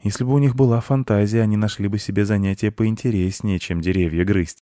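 A man voicing a clever male cat who talks softly, slyly and like a know-it-all. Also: lowish voice, steady tone, fairly quick, no room sound, clean studio sound, natural voice. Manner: soft, ingratiating, know-it-all.

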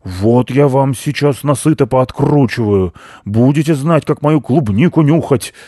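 A man voicing a greedy, fat male garden-plot chairman who shouts and whines. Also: mid-range voice, no echo, studio quality, pitched above the performer's own voice, lightly acted. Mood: angry shouting. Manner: loud, shouting, drawn-out whining.

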